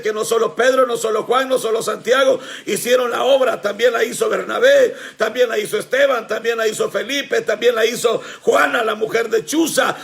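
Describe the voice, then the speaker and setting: A man preaching a sermon with fervor, often shouting and calling on his congregation as brothers. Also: very high-pitched, vocal fry.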